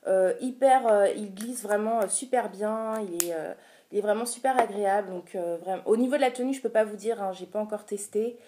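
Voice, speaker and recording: A woman's voice: medium pitch, a little fast, dark tone. A woman casually talking through a beauty haul vlog, chatty and hesitant, with many filler sounds. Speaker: beauty vlogger.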